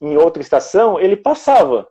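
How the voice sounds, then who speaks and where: A man from Brazil talks as a guest in an easygoing chat, laying out his points one step at a time. His voice sits a bit high for a man yet sounds mellow and soft-edged. The recording is dull and lo-fi. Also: very animated, brisk, breathy edge. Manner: reflective, explains step by step. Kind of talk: casual conversation.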